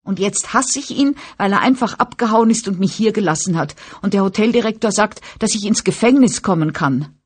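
A woman reading an audiobook, voicing a whiny, tearful young woman of eighteen who rushes her words while crying. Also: medium pitch, expressive, breathy edge, voice pushed up. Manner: whining, sobbing, rushed. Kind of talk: audiobook character voice.

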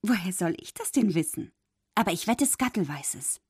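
A woman voicing a curious, cheerful young mermaid girl in a storybook reading, with breathy wonder in her voice. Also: medium pitch, expressive, moderate pace, darkish tone, dry recording, studio quality. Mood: offhand.

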